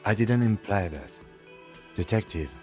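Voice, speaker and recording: A man voicing a calm, precise police lieutenant in a video game, reserved in manner. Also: fairly low pitch, a little slow, faint music behind. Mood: composed.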